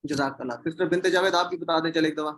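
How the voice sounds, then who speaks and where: A man teaches an online Quran class in a voice a little higher than most men's. He keeps asking the students questions. He repeats the key words so they stick. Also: steady tone, fairly bright tone.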